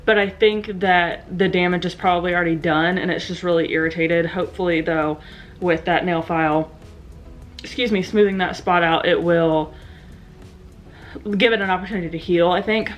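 The recording is muffled, with faint music in the background, as a young woman chats casually to a camera placed in front of her in her bedroom. Her voice is on the low side, steady and at a moderate pace, full of ums and likes, with a slight lisp from new aligners.

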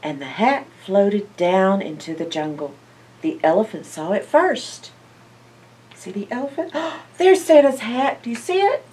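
Sitting near the bookshelves of an indoor library, an older woman storyteller reads a picture book to young children a little slowly, in a medium-pitched voice. She asks them questions and responds expressively and animatedly, captured on a slightly distant mic.

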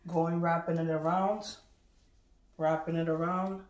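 Holding a phone camera at arm's length, a woman in her thirties chats casually as a vlogger, rambling with lots of fillers, first in a bedroom and then in a moving car. Her voice is fairly low, unhurried, and shows little pitch movement.

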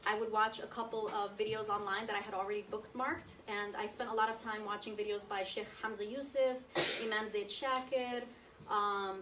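Her voice is medium-pitched with a fairly bright tone as this guest speaker, a woman in her thirties, talks chattily about her personal experience to an audience, regularly checking in with them. She sits at a table in a meeting room with a projector screen, picked up by a far camera from across the room, giving a distant, roomy sound and a little hiss or hum.

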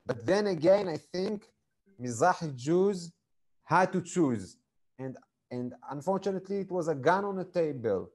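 Hesitant man, slightly high voice, interview guest. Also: expressive, unhurried, darkish tone, low-quality recording. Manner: hesitant, repeats words while searching. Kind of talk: video call interview.

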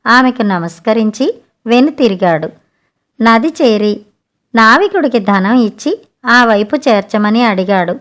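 A woman reading a fable aloud for an audiobook. Her voice is fairly high and her telling stays steady and even. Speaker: audiobook narrator. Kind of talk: storybook narration.

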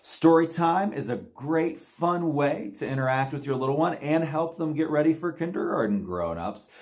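A man in his forties hosts storytime in a small, plain indoor room, reading to young children at a moderate pace in a slightly high voice. His delivery is animated and exaggerated, full of playful sing-song repetition and gasps.

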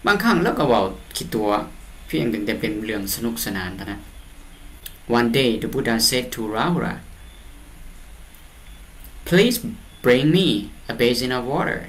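Speaking in a mid-range, fairly bright voice, a man with a Lao accent leads a class through an English storybook. He translates each line patiently, explains slowly, and reads the English aloud, repeating words as he goes.

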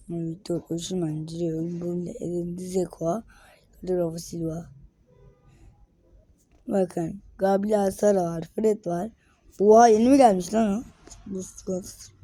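A woman giving gameplay commentary, muttering quietly and then breaking into excited, slangy outbursts. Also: lowish voice. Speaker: gaming video creator.

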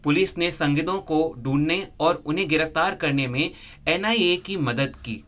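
A man reading a scripted news report as a voice-over, in a steady, measured way. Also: fairly high pitch.

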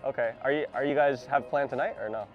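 In a mall clothing store, a young American man chats casually with a stranger, hesitating, repeating words, and laughing nervously. He speaks quickly in a steady, medium-pitched voice. The audio is slightly dull, with faint music in the background.

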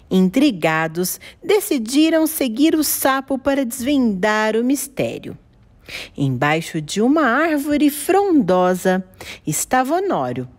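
Lively high-voiced woman storyteller. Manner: expressive, playful storytelling. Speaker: children's storyteller. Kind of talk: reading a children's story aloud.

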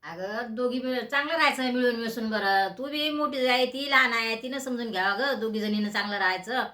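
A woman's voice: a little high, pushed and bright, echoey room. A middle-aged woman, speaking as a mother, pleading with her daughters to make peace and sounding worn out. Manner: pleading, weary, quick. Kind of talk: pleading family talk.

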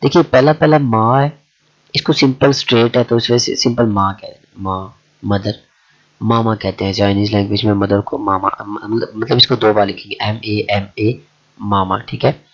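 A man who teaches a language lesson, talking slowly and repeating himself with many fillers. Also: on the low side, fairly even intonation. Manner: slow and repetitive, with many fillers. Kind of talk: explaining a lesson. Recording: dull lo-fi audio.

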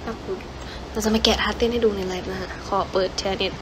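A woman's voice: mid-range voice, steady tone, fast. A young woman chatting casually on a livestream to fans, giggly and chatty, apologizing often, filmed on a phone held at arm's length. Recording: phone livestream with clear background noise.

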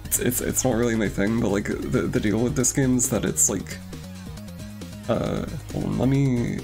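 A man's voice: mid-range voice, big pitch swings, normal speed, creaky. A young man streaming a game, chatting casually in a rambling way full of fillers and restarts, a little out of breath. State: slightly out of breath. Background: game music.

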